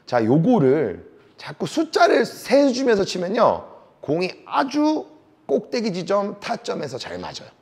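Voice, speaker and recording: A male table tennis coach runs an on-court lesson, his fairly high voice swinging widely in pitch. He heaps short praise on his student, counts the rhythm of the strokes aloud and teases her now and then. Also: huge pitch swings, measured pace, a little mellow.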